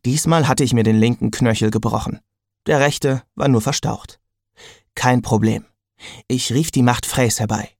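A man narrates an audiobook in the first person, with a mid-range voice and wry, even delivery. The recording is dry and close. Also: medium pitch, moderate pace, no room sound.

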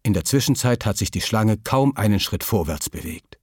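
A male storyteller reading a children's tale in a calm, measured way. His voice sits very low and a little husky, recorded close and dry. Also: dry recording.

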